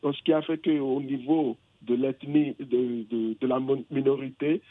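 A man's voice: mid-range voice, fairly even intonation, unhurried, no room sound. A man from England calling into a radio show, hesitant and searching for words, with many restarts. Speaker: caller. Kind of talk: phone-in conversation. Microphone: telephone. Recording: tinny phone line.

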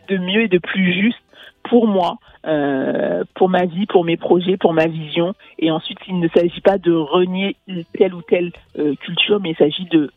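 A woman with a fairly low, breathy-edged voice explains things earnestly as a guest coach on radio, often restarting and using fillers. She comes from Mali and was raised in France. The audio is dry with no echo, phone-like, and faint music plays.

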